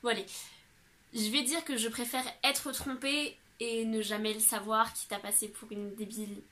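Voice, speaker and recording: Bright-voiced young French woman vlogger. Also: fairly high pitch, flat delivery, normal speed. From France. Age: young adult. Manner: chatty, answering questions with fillers and laughs. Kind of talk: casual Q&A vlog.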